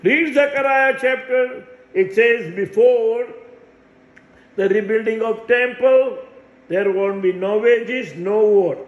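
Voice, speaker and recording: Slow, insistent and repetitive, a man in his sixties who claims to be a messiah delivers a rambling sermon in a high voice. The recording echoes as though in a bare room, and the highs are cut off.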